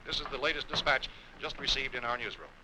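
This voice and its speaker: An actor playing a grave American newsreader in a 1960s film, reading an urgent emergency bulletin. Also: male voice, mid-range voice, fast talker, heavy background noise, close to an everyday voice. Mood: grave, formal. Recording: old film soundtrack, loud music behind.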